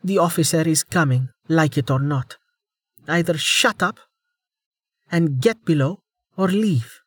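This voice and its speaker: A man doing a blunt young adventurer woman from a storybook, raised well above his own pitch. She is sharp and impatient, heard dry and close. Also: expressive, normal speed, no echo. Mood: heated.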